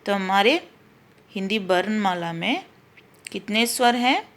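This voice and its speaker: Woman, schoolteacher, grammar lesson, very slow, patient, repeats explanations, mid pitch. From India. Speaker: school Hindi teacher.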